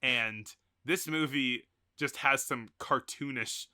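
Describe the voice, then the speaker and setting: A man's voice: mid-range voice, slow pace, pushed and bright. A man co-hosting a podcast, talking casually about a film in rambling sentences with frequent fillers and laughs. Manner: rambling, many restarts and fillers, laughs often. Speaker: podcast co-host.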